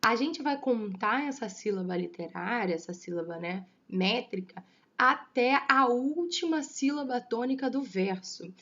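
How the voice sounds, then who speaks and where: A Brazilian woman with a slightly high voice walks students through a literature lesson. She counts syllables aloud and keeps checking that they follow. Her audio is a little dull, like a lo-fi class stream. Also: lively intonation, measured pace, a bit bright. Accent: Brazilian Portuguese. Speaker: teacher. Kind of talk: online class lecture.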